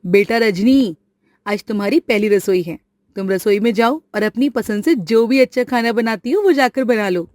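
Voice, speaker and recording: A kind middle-aged mother-in-law, as a woman puts her on, with a gentle, reassuring way of talking. The voice sits fairly high and is dry and close. It is told as an animated storybook tale over faint music. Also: normal speed, dry recording, natural voice. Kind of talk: storybook voice acting.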